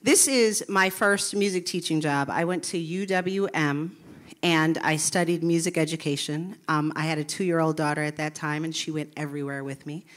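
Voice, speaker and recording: A woman's voice: low-pitched, fairly even intonation, normal speed. Earnest woman telling her story on stage. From Milwaukee, USA. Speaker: public school music teacher. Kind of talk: short live talk on stage. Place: stage of a live talk event.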